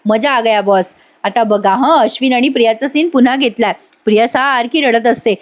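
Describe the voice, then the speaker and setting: High-voiced woman, chatty and enthusiastic, voice-over episode review. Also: normal speed. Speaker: TV serial reviewer.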